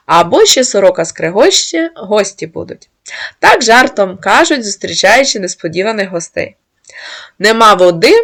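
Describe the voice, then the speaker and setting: Female narrator, scripted read, lively pitch, gravelly edge. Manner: measured reading aloud of folk sayings. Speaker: channel host and narrator.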